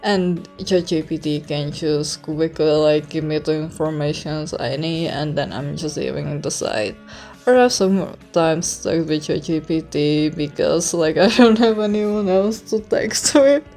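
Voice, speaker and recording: Hushed young Czech-accented woman, slow and self-conscious. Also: low voice, faint music behind. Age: young adult. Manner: awkward, self-conscious, giggly, apologetic; keeping voice hushed so as not to be heard in the house. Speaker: online video creator. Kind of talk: casual rambling vlog chat.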